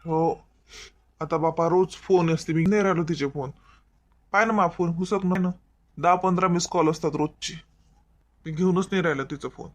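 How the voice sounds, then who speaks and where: Someone voicing sad whiny cartoon husband, varhadi marathi accent, all teary and bitter. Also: male voice, a little high, moderate pace, long pauses, close to an everyday voice. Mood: resentful. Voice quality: whiny, tearful. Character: heartbroken young husband, tearful and bitter. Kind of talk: animated comedy dubbing.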